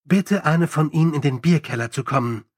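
A man voicing a brisk, commanding woman sergeant. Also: a little high, no echo, clean studio sound, lightly acted.

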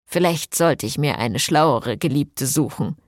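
Woman reading a calm, teasing ex-priest man. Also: low voice, measured pace, no room sound, clean studio sound. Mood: earnest.

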